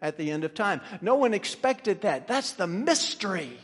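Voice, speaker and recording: A man's voice: high voice, sing-song, moderate pace, slightly rough, in a large hall. A man preaching a sermon to his congregation, emphatic and repeating words for stress. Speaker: pastor.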